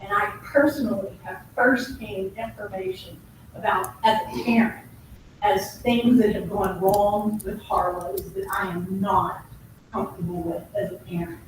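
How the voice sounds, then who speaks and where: A woman's voice: medium pitch, steady tone, unhurried, a little hiss or hum. A woman who is an elected school board member and a parent, giving a heartfelt, conflicted statement in an emotional, searching way at a public meeting. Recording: echoey room from a distant mic.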